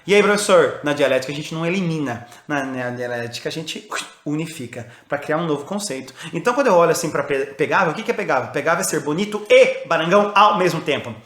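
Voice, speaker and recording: A man's voice: a little high, lively intonation, quick pace, a bit bright, reverberant. A man with a Brazilian Portuguese accent teaching philosophy in a playful lecture, firing rhetorical questions at his students. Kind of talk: energetic video lecture.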